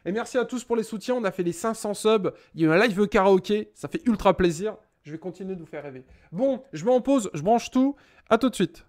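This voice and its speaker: High-voiced joking man reviewing a webcam. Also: expressive, brisk, darkish tone. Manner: joking, rambling, swears casually. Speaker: tech YouTuber. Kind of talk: casual product review vlog. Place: home desk setup.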